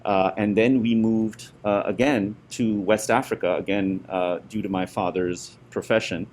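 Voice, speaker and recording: Low-voiced middle-aged man from India. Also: steady tone, measured pace, darkish tone. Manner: hesitant, many fillers and restarts. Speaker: guest, school parent and former board member. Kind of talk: conversational interview.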